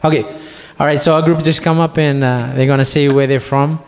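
A man's voice: a little high, steady tone, brisk. A man leading worship in a church, singing and chatting casually between songs, with a live band behind him. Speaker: worship leader. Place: church sanctuary stage. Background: live band with guitar.

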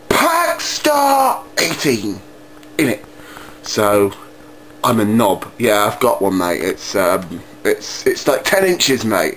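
A man's voice: medium pitch, a bit bright, a little hiss or hum, low-quality recording. A man ranting to camera in a brash, rambling way, full of street slang. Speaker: vlogger. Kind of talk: comic rant to camera.

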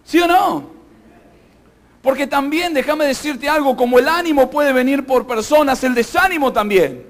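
High-voiced preacher man. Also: normal speed. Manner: emphatic, keeps asking the congregation questions. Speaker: pastor. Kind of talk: sermon.

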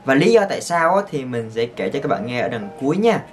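Excitable man. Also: mid-range voice, fairly quick, faint music behind. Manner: excitable, exclamatory, gushing. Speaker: vlogger. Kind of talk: casual storytelling to viewers.

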